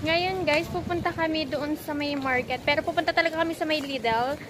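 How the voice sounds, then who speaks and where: Filipina woman from the philippines vlogging on her phone, high voice, chatty and laughy, loud street noise behind. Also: fairly even intonation, fairly quick. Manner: chatty, switching between Tagalog and English, laughs often. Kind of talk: casual vlog chat. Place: outdoors at a fairground and market.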